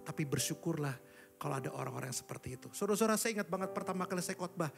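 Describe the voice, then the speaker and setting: A young man preaching a sermon, animated, switching between loud exclamations and low asides, often addressing the congregation. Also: very fast, creaky. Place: large church hall. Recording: live church recording with long reverb and faint music.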